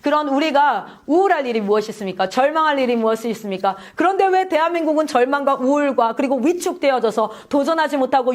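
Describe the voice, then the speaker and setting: A woman missionary preaching a sermon at a prayer meeting, asking the congregation questions and calling out hallelujahs. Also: sits high.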